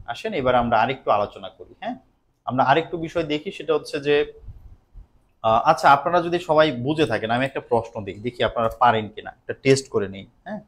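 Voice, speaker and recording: A man's voice: medium pitch, a little fast. A man teaching English grammar in a recorded online lesson, explaining in Bengali and patiently repeating each example.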